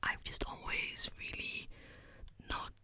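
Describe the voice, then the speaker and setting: A woman whispering breathily in a casual ASMR ramble, very close to the microphone at the ear, often repeating words. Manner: slow, gentle pacing with repeated words. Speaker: ASMR content creator.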